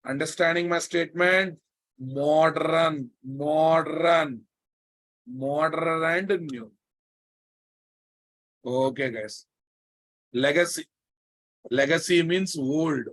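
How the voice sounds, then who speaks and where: A male programming instructor with a Telugu Indian accent leads a live technical lesson. His voice sits somewhat high for a man and his delivery is very slow. He repeats key phrases with emphasis and keeps checking that the class follows. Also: a bit bright. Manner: emphatic repetition with frequent check questions to students.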